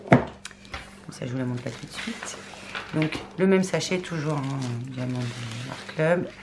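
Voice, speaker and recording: A woman hosting a crafts unboxing video, chatting casually and thinking aloud, often murmuring softly. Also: sits low, unhurried. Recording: clear background noise.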